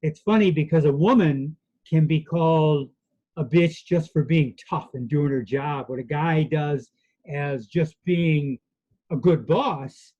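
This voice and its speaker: A man's voice: fairly high pitch, unhurried, slightly rough, dull audio. A man giving an earnest, emphatic, somewhat rambling impromptu speech at a club meeting. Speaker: meeting participant answering a table topic.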